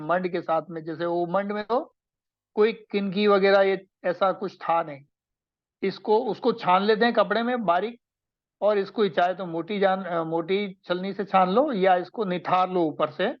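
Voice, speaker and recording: Slow, high-voiced male lecturer. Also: dull audio. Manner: repeats and recaps points for note-taking. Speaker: Ayurveda teacher.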